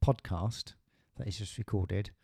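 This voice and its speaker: A man's voice: fairly low pitch, unhurried, creaky, warm tone, breathy edge, dry recording, studio quality. A middle-aged British man talking in a casual podcast conversation, hesitant with many restarts and fillers. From Britain.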